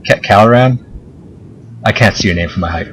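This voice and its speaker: A man's voice: fairly low pitch, normal speed, a crowd in the background. A man running a tabletop game as game master, narrating casually in a hesitant, chatty, jokey way. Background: background game music.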